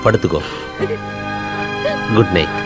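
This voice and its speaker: A calm, kindly wealthy father. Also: sits low, takes it slowly, loud music behind the voice. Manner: calm, reassuring. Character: wealthy, gentle older uncle and father. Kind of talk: film drama dialogue.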